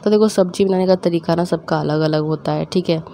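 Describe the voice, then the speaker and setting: A woman's voice: lowish voice, steady tone, warm tone. A young woman, chatting casually as she cooks and tells family stories, laughing often and acting out her mother's scolding. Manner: acts out her mother's scolding in quick quoted bits. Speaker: cooking vlogger. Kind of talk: casual storytelling while cooking.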